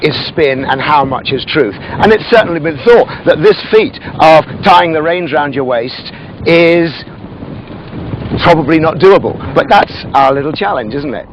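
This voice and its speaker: Higher-pitched man explaining outdoors. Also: lively intonation, measured pace, a little hiss or hum. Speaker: expert guest. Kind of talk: informal explanation on location. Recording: dull outdoor location sound with music. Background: music.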